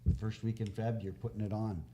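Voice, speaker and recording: A man's voice: on the low side, level tone, fairly quick, mellow. A middle-aged man guest on a casual podcast, telling rambling anecdotes about community theatre and trailing off with chuckles.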